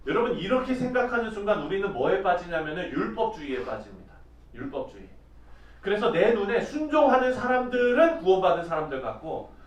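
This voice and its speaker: A male pastor giving an early-morning sermon, reading scripture slowly and asking his listeners questions in a conversational way. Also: sits high. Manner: reads scripture slowly and deliberately. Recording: echoey room, voice distant from mic.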